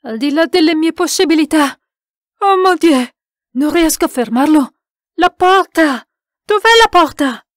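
A woman reading an audiobook aloud, voicing a terrified Frenchman who shouts and pleads frantically. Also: high-pitched, unhurried, no echo, clean studio sound. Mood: panicked.

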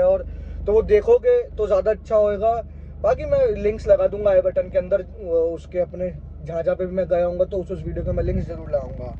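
A man's voice: high voice, warm tone. A young man talking casually to camera in a travel vlog, chatty and explaining costs step by step, mixing in English words. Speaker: travel vlogger. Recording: slightly dull lo-fi audio with faint background noise.

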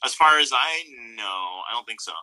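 A man's voice: medium pitch, lively intonation, normal speed, pushed and bright, rough recording. A man hosting a casual live video chat, easygoing and enthusiastic, laughing along with his guest. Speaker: live stream host. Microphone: video call.

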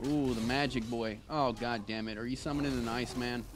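Brisk and medium-pitched, a young gaming host narrates his play with profane, joking banter and trash talk aimed at his enemies. A constant hum of background noise sits under his voice.

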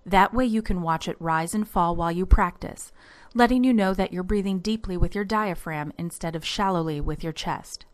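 A woman reading scripted instructional narration as an exercise guide, in a calm, measured, step-by-step manner. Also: fairly low pitch.

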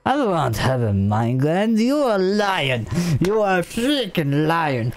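A man's voice: on the high side, sing-song, slow. A drunk man in his twenties streaming a game, rambling and teasing in a slurred way. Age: 20s. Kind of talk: casual chat while gaming.

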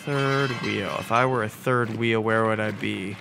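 A man's voice: fairly low pitch, fairly even intonation, unhurried, gravelly, background noise. Swearing, self-mocking gaming man. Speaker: gaming video host. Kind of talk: let's play commentary.

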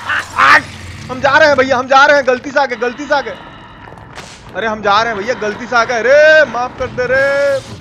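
A man with a Bihari Hindi accent gives slangy, colloquial live commentary while streaming a game, cursing now and then. His voice is very high and his pace moderate, and the stream audio is clearly noisy.

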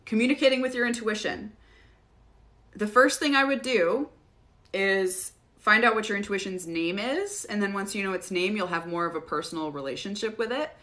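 A woman hosting a casual live Q&A, relaxed and chatty, often laughing as she answers viewers. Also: mid-range voice, normal speed. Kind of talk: casual livestream Q&A.

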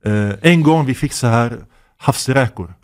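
A man in his fifties, a guest imam, telling lively stories with laughter and Arabic phrases sprinkled in. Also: mid-range voice. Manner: animated anecdotes with laughter, Arabic phrases mixed in. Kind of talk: podcast interview storytelling.

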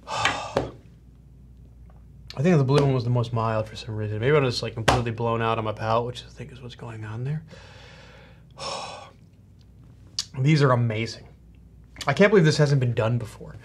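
A man reviewing hot sauce in a casual tasting vlog, halting and coughing often between sighs. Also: mid-range voice, a little hiss or hum. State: coughing from spicy powder.

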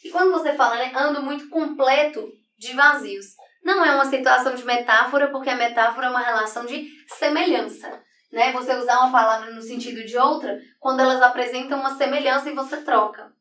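Fast and fairly even in intonation, a woman's high, slightly bright voice explains figures of speech in an online exam-prep class. The teacher tags her points with "né?" over and over while writing on a board; the audio is echoey, taken from a distant mic.

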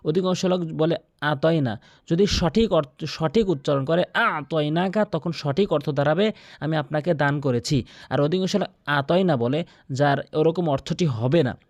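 Man, Bangladeshi Bengali accent, Quran tajweed teacher, slightly high voice, dry close sound, repeats each rule. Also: no room sound. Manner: explains slowly, then chants verses long and high; repeats instructions and appeals for likes. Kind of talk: tajweed lesson with chanted recitation.

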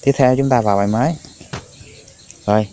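A man teaching an English lesson to children, repeating each new word slowly three times for the class to echo. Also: mid-range voice, dark tone. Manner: drills words slowly in threes for pupils to repeat.

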